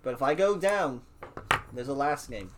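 A young man in casual podcast chat, telling stories in an animated, swearing, trailing-off way. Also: medium pitch, moderate pace, background noise.

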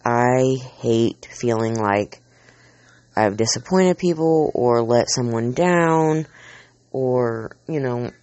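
A man's voice: mid-range voice, takes it slowly, darkish tone, no room sound, highs cut off. A man hosting a casual monologue, chatty and rambling, drifting off on tangents and full of filler words. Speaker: host counting down a list.

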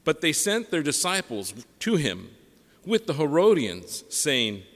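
Priest with a long cathedral echo. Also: male voice, a little high, sing-song, measured pace, a bit bright. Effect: cathedral echo, long church reverb. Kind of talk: gospel reading and homily. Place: large parish church. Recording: long reverb of a large church.

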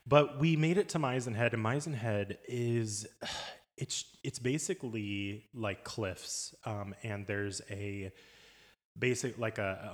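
Man, podcast co-host, low register, animated casual storyteller, long reverb on the mic. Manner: animated storyteller, laughs often. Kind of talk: casual travel chat.

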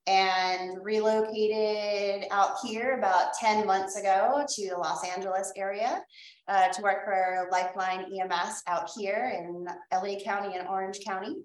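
A woman's voice: mid-range voice, fairly even intonation, unhurried, reverberant, rough recording. A middle-aged woman with a mild Boston accent, giving conversational answers as an interview guest. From Boston area, Massachusetts, USA. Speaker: interview guest, EMS professional.

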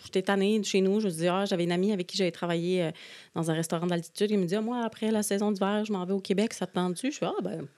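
A woman from Switzerland in her thirties, a podcast guest, talking casually with many halting restarts. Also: medium pitch, steady tone, darkish tone. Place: indoors, podcast studio.

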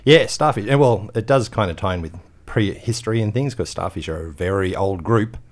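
A man's voice: on the low side, fairly quick. A man chatting casually as a science guest in a radio studio, explaining things in a jokey way. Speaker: museum representative, radio guest.

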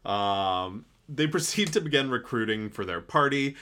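A man's voice: mid-range voice, expressive, normal speed, pushed and bright. A man co-hosting a podcast, recapping an anime in laid-back casual chat with snarky asides. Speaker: podcast co-host.

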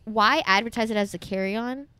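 A woman's voice: a little high, normal speed, bright, forceful tone, clear, resonant tone, no room sound. A young woman co-hosting a podcast, chatting in a laid-back, joking way. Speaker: podcast co-host. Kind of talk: casual chat.

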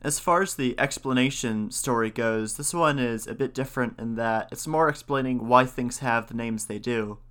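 A man reading folk tales aloud in a measured, plain way and commenting on them. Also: mid-range voice, a bit bright, smooth. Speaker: storyteller and commentator.

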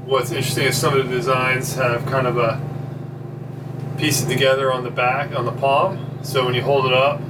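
A man's voice: mid-range voice, level tone, moderate pace, far from the mic, very noisy. A man hosting a podcast, introducing and interviewing in a casual, conversational way. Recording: music behind intro, tinny camera audio in interview.

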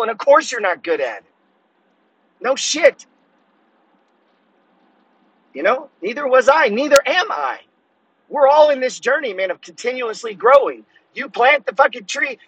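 A man in his fifties talks hard and blunt, swearing as he lectures, in a high, bright voice. There is a husky edge to it, and the room sounds dry and close. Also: no echo, poor audio. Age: 50s. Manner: blunt, cursing, preachy. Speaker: podcast host. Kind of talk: profane motivational monologue.

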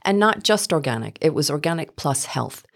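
A woman's voice: low-pitched, very animated, normal speed, creaky. A woman speaking as an interview guest, telling her own story in a reflective, conversational way. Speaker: interview guest, business founder.

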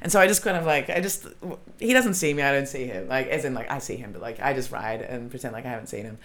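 A woman with an Australian accent telling a lively story in a casual podcast chat, acting out the lines of the people in it. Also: extremely low pitch, quick pace. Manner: animated storytelling, acting out quotes. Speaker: comedian guest.

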